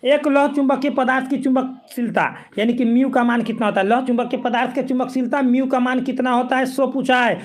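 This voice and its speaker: A man with a high, light voice coaches students through exam physics questions. He talks with them directly, repeats key points and keeps asking if they follow. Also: fairly even intonation, brisk, hardly any pauses. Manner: repetitive, coaxing, keeps checking students follow. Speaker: physics teacher. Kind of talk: exam-prep lesson.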